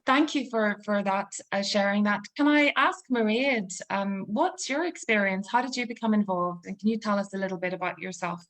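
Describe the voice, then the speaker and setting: A woman's voice: mid-range voice, normal speed, hardly any pauses, a bit bright. A woman moderating an online discussion, politely organising the speakers and inviting them to talk. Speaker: panel moderator. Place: video call.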